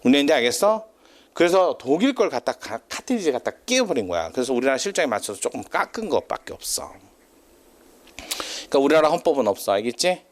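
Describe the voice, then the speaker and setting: A male lecturer talking to a class in a loose, chatty way, his pitch swinging up and down. He drifts off on tangents, teases and laughs often. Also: very animated, quick pace.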